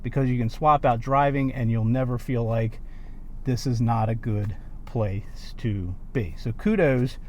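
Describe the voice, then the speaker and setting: A man's voice: mid-range voice, measured pace, darkish tone, lo-fi sound, a little hiss or hum. A man giving a casual, off-the-cuff car review in a conversational, opinionated way, repeating words for emphasis, recorded on binaural microphones in and around a car.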